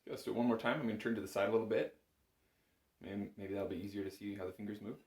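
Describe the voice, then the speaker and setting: A lowish, darkish-toned man moves quickly through a casual chanter lesson with fairly even intonation. As instructor he stays patient and encouraging. A small home music room gives the audio a roomy, echoing quality.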